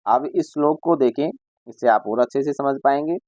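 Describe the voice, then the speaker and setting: A man's voice: medium pitch, a little fast, a little mellow, no echo. A male Sanskrit teacher explaining a school lesson to children. He reads Sanskrit lines, then explains each one in Hindi, and imitates bird calls as examples.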